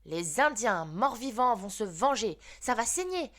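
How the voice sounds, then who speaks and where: A woman reading aloud and voicing an excitable, cheeky schoolboy who pleads eagerly. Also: a little high, measured pace, pitched above the performer's own voice. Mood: excited.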